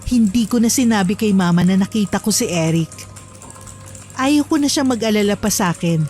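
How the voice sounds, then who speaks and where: A woman narrating a true horror story in a calm, earnest storytelling manner. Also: medium pitch, a little fast, faint music behind.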